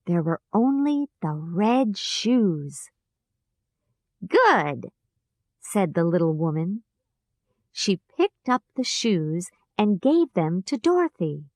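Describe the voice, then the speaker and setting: A woman reading a storybook aloud slowly and clearly for language learners. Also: medium pitch, no room sound. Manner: slow, clear, lively intonation. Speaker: audiobook narrator. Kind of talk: slow storybook narration for learners.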